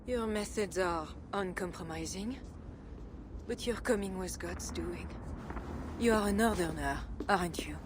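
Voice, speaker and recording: In a video game cutscene, a woman plays a devout, enigmatic medieval Frankish queen, speaking in a composed, solemn, measured way that sounds solemn and grateful. Her voice is on the low side and close to everyday speech, with background noise.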